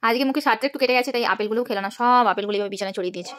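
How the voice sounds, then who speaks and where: A woman's voice: fairly high pitch, rapid-fire, a bit bright. A young woman filming a home vlog as a mother, narrating and chatting in playful sing-song baby talk to her toddler. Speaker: mother and vlogger.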